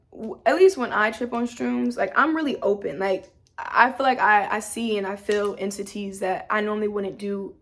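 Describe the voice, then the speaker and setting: A woman's voice: mid-range voice, a bit bright. A woman telling a personal story casually, rambling and repeating herself, with informal slang and some swearing. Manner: rambling, circles back and repeats words for emphasis. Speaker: storytelling vlogger.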